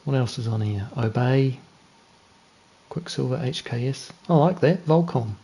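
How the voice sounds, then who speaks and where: A young man with a New Zealand accent gives laid-back, chatty commentary while streaming a racing game, joking at his own mistakes. His mid-range voice is warm and expressive, and he's in no hurry.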